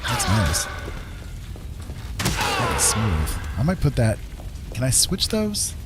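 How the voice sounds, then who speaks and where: A middle-aged male game streamer gives easygoing live commentary over loud game music. His mid-range voice swings hugely in pitch as he talks slowly, thinking aloud and chatting with viewers.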